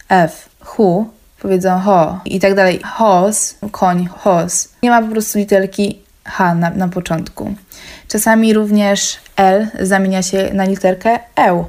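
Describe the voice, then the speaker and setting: A woman's voice: mid-range voice, a little mellow. A woman in a chatty, explaining mode, walking the listener through how an accent sounds. She keeps breaking off to say sample words aloud with exaggerated pronunciation, then goes straight back to her easy conversational tone. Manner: demonstrates words by saying them in an exaggerated English accent. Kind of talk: casual explainer on English accents.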